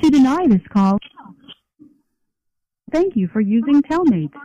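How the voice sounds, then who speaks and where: An automated woman's voice reading a recorded announcement on a prison phone line, with slow, measured prompts. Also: high voice, sing-song, dark tone. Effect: recorded message on a prison phone line.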